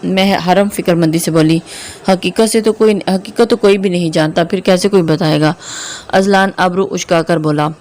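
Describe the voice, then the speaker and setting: A woman's voice: lowish voice, fairly even intonation, normal speed, a little mellow. A woman narrating a romance novel and voicing all the dialogue herself, with occasional slips and fillers. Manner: reads dialogue of all characters in her own voice, with small slips and fillers.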